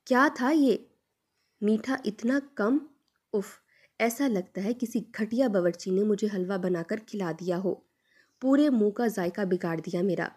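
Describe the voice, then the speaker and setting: A woman voicing a harsh, spiteful middle-aged aunt who scolds and accuses in shrill tirades within a dramatized story reading. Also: warm tone, breathy edge, natural voice. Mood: scolding.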